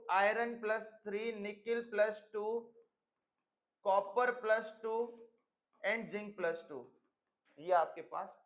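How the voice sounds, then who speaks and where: A man's voice: high voice, darkish tone, muffled recording. A man teaching a chemistry class in a stern lecturing manner, mixing English terms into his speech. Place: coaching classroom.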